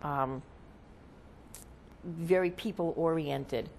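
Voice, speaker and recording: Woman seance medium chatting abt how she channels, lowish voice, stop-start, says okay a lot, bit of room noise. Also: creaky, a little mellow. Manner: seance medium talking plainly about channeling, haltingly, often checking with "okay?". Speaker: trance channeler, seance medium being interviewed. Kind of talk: casual explanation in an interview.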